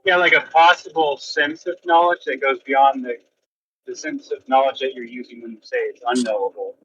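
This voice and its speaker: A man's voice: mid-range voice, steady tone, moderate pace, a bit bright, slight background noise. A man in a casual philosophical debate over voice chat, asking tentative, probing questions and rephrasing himself, over a muffled lo-fi line.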